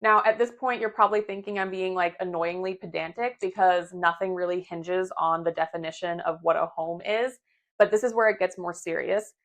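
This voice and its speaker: A woman's voice: lowish voice, fairly even intonation, fairly quick, a bit bright. Woman professor posing questions. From United States. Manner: clear, explanatory, asks many rhetorical questions. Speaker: philosophy professor. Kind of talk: scripted lecture to camera.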